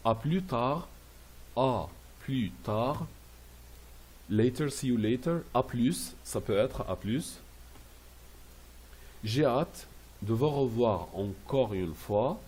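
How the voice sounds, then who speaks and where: Slow, husky-voiced man teaching French. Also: medium pitch, expressive, a little mellow. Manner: slow, deliberate, repeats and spells words out syllable by syllable. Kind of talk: language lesson explaining pronunciation.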